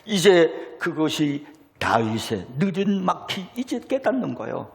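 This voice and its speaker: Gravelly-voiced male pastor preaching in a reverberant hall. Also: a little high, big pitch swings, a little slow. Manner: dramatic storytelling, acting out quoted voices with big swings in loudness. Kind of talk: sermon. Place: church sanctuary.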